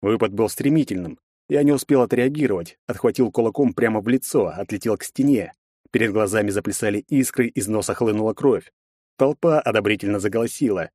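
A man narrating a first-person fantasy audiobook in a measured storytelling manner. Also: on the low side, darkish tone, no echo, studio quality.

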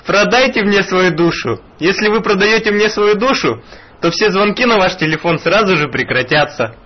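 A man's voice: sits high, lively intonation, moderate pace. A man making a prank phone call, pestering persistently with mock politeness. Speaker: prank caller. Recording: dull telephone line.

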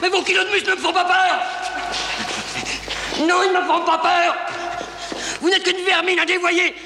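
An indignant man in a film drama, his voice extremely high and shrill. He declaims with outraged, defiant emphasis, as if every word were law. The soundtrack is very noisy, with clicks behind the voice. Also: flat delivery, moderate pace, reverberant. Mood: furious, defiant. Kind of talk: theatrical film acting.

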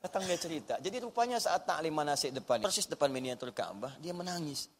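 A male preacher giving a sermon, lively, dropping to hushed storytelling and rising to loud urging. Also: on the high side, quick pace, a little hiss or hum. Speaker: ustaz, preacher. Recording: long hall reverb.

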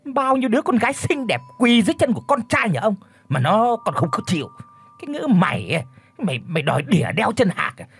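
A man voicing a bullying, foul-mouthed old village chief who shouts threats and orders. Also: a little high, very animated, a little slow. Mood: furious.

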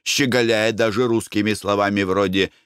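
A man giving an expressive audiobook narration. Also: on the low side, normal speed, clean tone, no room sound, clean studio sound. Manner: expressive, storytelling.

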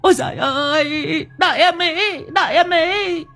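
A man's voice: extremely high pitch, a little slow, creaky, sharp tone, voice pushed up, full character voice. A man voicing a whiny young village woman, wailing shrilly with a sobbing catch. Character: whiny young village woman, left behind by her sweetheart.

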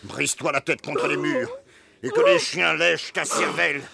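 An actor playing a grieving elder who rebukes the crowd, shifting between bitter hushed lines and shouted accusations in a classic stage drama. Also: male voice, a little high, animated, moderate pace, creaky. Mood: impassioned. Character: grieving elder, friend of the slain brother.

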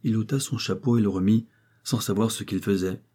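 A man reads a classic novel aloud at a steady, measured pace. His voice is low, dark and husky. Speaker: narrator. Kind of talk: audiobook narration of a classic novel.

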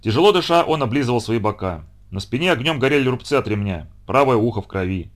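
Expressive male storybook narrator, animated intonation, medium pitch. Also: fast. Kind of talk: storybook reading.

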